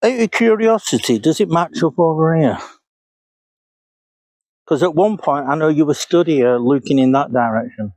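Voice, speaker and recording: A paranormal investigator walks through woodland outdoors, retracing his steps aloud in a casual walk-and-talk vlog. His fairly high, animated voice moves at normal speed with long pauses and a slightly mellow quality. A clip-on lapel mic captures him with no room sound.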